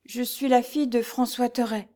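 A frightened young peasant girl who stammers and begs in a high, soft voice, as a woman reads her. She speaks in a tearful, imploring tone. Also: normal speed, lightly acted. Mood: tearful pleading. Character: pale, trembling young peasant girl, pleading. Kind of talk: storybook reading.

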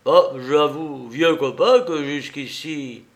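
A man voicing a charming, playful gentleman thief in an audiobook reading. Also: on the high side, slow, creaky. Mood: sly. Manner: gallant, playful.

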